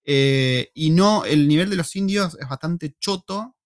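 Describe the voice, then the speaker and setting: The host, an Argentine man whose Spanish carries an Argentine accent, speaks a little high and at a measured pace. Sitting at a desk mic at home for a live casual chat, he jokes, uses slang, and narrates with animation. The recording is dry and studio-clean.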